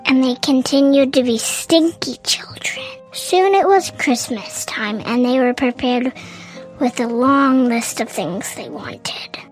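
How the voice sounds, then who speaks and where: A young host narrating a scary story for kids, dramatic and slipping into whispers when things get creepy. The voice is very high and unhurried. Soft music plays faintly underneath.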